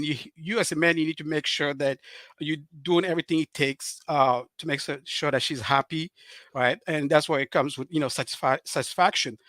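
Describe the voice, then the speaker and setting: Earnest and halting, a Cameroonian guest author in middle age fills his live-show remarks with restarts and fillers, his Cameroonian French accent clear. A fairly bright, higher-leaning voice comes through a dry recording.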